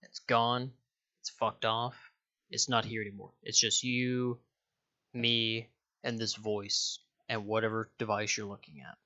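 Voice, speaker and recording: A man's voice: on the low side, level tone, unhurried, bright, forceful tone, lo-fi sound. A young man from Denmark, a YouTuber, talking casually to his viewers, rambling, correcting himself and swearing offhand. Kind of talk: casual direct-to-camera vlog.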